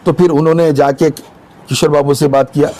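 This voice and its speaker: A man, speaking up for market vendors in a street interview. His voice sits high, and he talks with heated, emphatic insistence. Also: level tone, moderate pace, dark tone. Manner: agitated, emphatic complaint.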